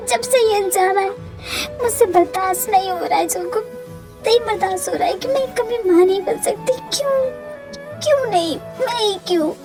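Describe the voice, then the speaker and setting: A grieving young wife, played by a woman speaks in a high voice, tearful and pleading. Soft music sits faintly behind this fan-dubbed romantic audio drama. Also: moderate pace. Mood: despairing.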